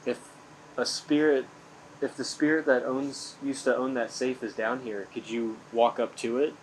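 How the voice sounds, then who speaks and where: A man's voice: mid-range voice, flat delivery, moderate pace, a little hiss or hum, low-quality recording. A young man talking casually and slangily while ghost hunting, calling out to spirits as he vlogs. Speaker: paranormal investigator. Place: indoors in a large old house.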